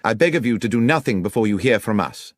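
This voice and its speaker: Audiobook gentleman sleuth, voiced by a man: precise, probing, commanding, very animated intonation. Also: fairly low pitch, no room sound, clean studio sound, voice pushed up, close to an everyday voice. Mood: urgent, commanding. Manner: brisk, precise, questioning. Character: Sherlock Holmes, keen, commanding gentleman detective. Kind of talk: audiobook character voice.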